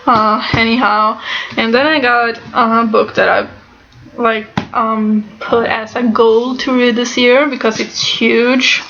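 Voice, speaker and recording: A woman chats casually and haltingly about her things, sounding nasal and stuffed up, as if with a broken nose. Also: on the high side, little pitch movement, a bit bright. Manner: halting, often breaking into small laughs. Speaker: book vlogger. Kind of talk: casual chatty book haul. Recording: slightly dull, lo-fi sound.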